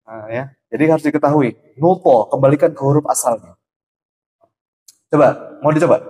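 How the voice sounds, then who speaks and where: A man teaching a Quran recitation class in a mosque, repeating letter sounds slowly to show how they are said. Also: a little high, warm tone, husky. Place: mosque study session.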